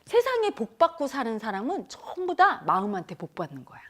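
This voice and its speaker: With a fairly high pitch and a brisk delivery, a middle-aged meditation teacher talks about the mind in a spiritual vein. She stays animated, turns straight to her listeners, and dramatizes inner voices.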